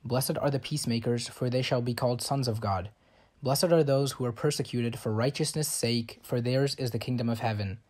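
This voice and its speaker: A man reading scripture in a church service, slow and measured, almost chanted. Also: medium pitch, darkish tone. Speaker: church reader.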